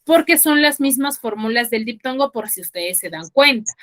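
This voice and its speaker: Bright, higher-voiced woman teacher, patient step-by-step explainer, video-call lesson. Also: lively intonation, normal speed. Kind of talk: online class lecture.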